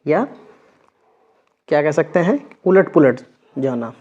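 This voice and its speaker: A man's voice: fairly high pitch, lively intonation, slow, warm tone. Man teaching vocabulary, lo-fi recording. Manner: repeats words with frequent check-ins. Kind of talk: exam vocabulary lesson.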